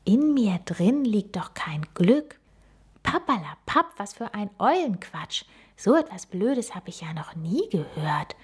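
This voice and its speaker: A woman voicing an excitable little gorilla girl in a storybook reading, with an eager, high, bright way of talking. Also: unhurried, breathy edge, full character voice. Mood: grumbling.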